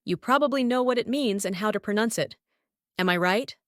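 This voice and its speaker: Speaking a little fast in a medium-pitched voice, a Lithuanian-accented woman teaches English pronunciation, saying every example word over and over. The sound is dry and clean, studio quality.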